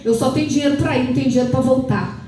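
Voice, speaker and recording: A woman telling her testimony in a church service, animated storytelling that rises into fervent exhortation. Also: high-pitched, racing. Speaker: wife giving testimony at couples' service. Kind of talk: testimony and preaching. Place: church hall. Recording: very echoey hall, distant mic, faint hiss.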